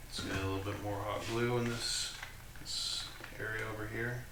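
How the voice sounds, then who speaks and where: A low-voiced man hosts a live build stream, thinking aloud at his bench in casual workshop commentary full of halting restarts, his tone steady. A condenser mic set away from him gives a distant, roomy sound, with background noise and music playing from a streaming app.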